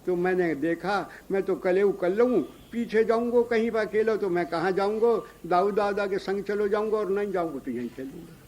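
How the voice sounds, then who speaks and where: A man's voice: high voice, normal speed, few pauses, darkish tone, a little hiss or hum, pitched above the performer's own voice, lightly acted. A man voicing a mischievous, sweet-talking small boy in a devotional story. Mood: innocent.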